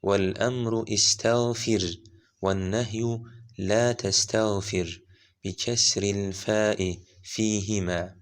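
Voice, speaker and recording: A man reading an Arabic morphology textbook aloud as an audiobook, measured and deliberate, spelling out each word's vowel marks. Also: lowish voice, steady tone. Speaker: audiobook reader. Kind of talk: slow recitation of an Arabic grammar text.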